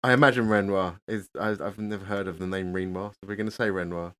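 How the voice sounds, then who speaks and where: A man hosting a podcast, talking in a relaxed, halting way. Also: lowish voice. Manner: relaxed, hesitant with many ums and restarts. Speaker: podcast host. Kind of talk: casual podcast chat.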